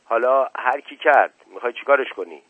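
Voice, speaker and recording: A man's voice: mid-range voice, lively intonation, breathy edge, no echo. Sarcastic witty prince, as a man reads him. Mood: scolding. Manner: sarcastic, teasing, raised voice. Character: mocking, witty middle-aged prince, teasing troublemaker. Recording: muffled phone-like radio sound.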